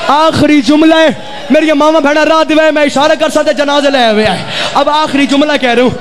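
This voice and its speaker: A male reciter delivers a Muharram majlis elegy in an extremely high voice. He is impassioned throughout and often shouts his lament. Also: steady tone. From Pakistan.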